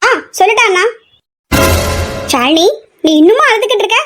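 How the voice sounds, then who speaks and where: A woman's voice: extremely high pitch, animated, moderate pace, a bit bright, soft background music. A young woman voicing female college students in an amateur audio drama, with a scolding, reassuring manner. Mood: protective.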